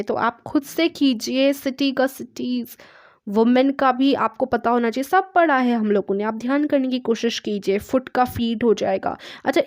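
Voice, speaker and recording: A woman's voice: high-pitched, darkish tone, dry recording, studio quality. A young woman with an Indian accent teaching an online English lesson, patiently walking through test items and checking in after each one. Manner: patient, repeats "ठीक है" after each point.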